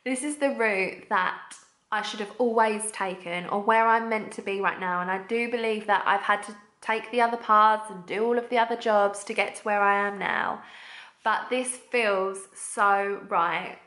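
A young woman talking to her vlog camera in a chatty, excited and heartfelt way. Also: mid-range voice, moderate pace, roomy sound. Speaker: vlogger.

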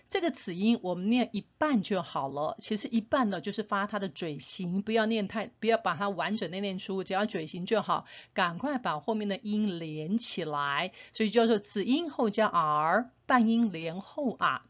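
A woman teaching English pronunciation in Taiwanese Mandarin, patient and encouraging, repeating example words slowly. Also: mid-range voice. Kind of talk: phonics lesson with slow drawn-out example words. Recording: slightly dull lo-fi sound.

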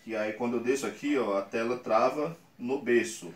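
A man's voice: medium pitch, normal speed. A man in his thirties with a Brazilian Portuguese accent, patiently demonstrating screen printing in a small workshop and explaining each step. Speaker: screen printing channel host. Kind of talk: casual how-to demonstration. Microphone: camera on a tripod a few meters away. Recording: roomy, distant camera mic with faint noise.

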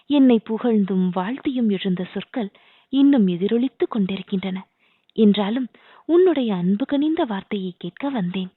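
A woman's voice: medium pitch, slightly rough, no room sound. A woman reading the part of a newly crowned young king, speaking earnestly and tenderly to his beloved. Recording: dry, tinny phone-like sound.

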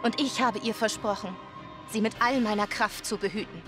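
An actress playing a steadfast young fantasy heroine in a video game, speaking with solemn, earnest resolve. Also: female voice, medium pitch, normal speed, music in the background, close to an everyday voice. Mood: earnest, defiant. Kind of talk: dramatic video game acting.

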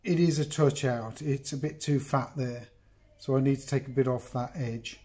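This middle-aged Englishman, a woodworking video host, gives a casual demonstration in his workshop, filming on a phone camera that sits on the bench and gets moved around. His dark, medium-pitched voice keeps a fairly even intonation at normal speed as he chats, rambles, interrupts himself and talks straight to the viewer.

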